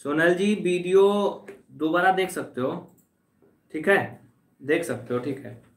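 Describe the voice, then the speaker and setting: Male maths tutor, live class, higher voice, teasing and coaxing, roomy distant sound. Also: expressive, unhurried. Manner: teasing, addresses students as children, coaxing answers. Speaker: maths teacher. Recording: roomy echo, voice from off the mic.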